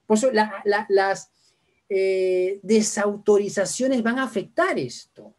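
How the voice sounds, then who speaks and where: A woman giving an informal lecture to parents at a school workshop, talking conversationally, often checking in with tag questions and acting out little dialogues. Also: mid-range voice. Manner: animated, acts out quick back-and-forth dialogues.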